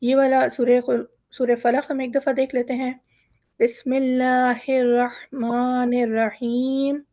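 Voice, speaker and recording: A woman teaching Quran recitation, reciting verses slowly and drawn out, then patiently explaining how each letter is pronounced step by step. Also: high voice, little pitch movement, mellow, dry recording, clean studio sound. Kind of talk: online recitation lesson.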